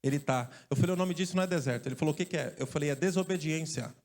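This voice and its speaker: A male pastor from Brazil preaching a lively sermon, joking and calling out to his congregation. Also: a little high, very fast. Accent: Brazilian Portuguese. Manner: lively, joking storyteller who calls out to the congregation. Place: church stage.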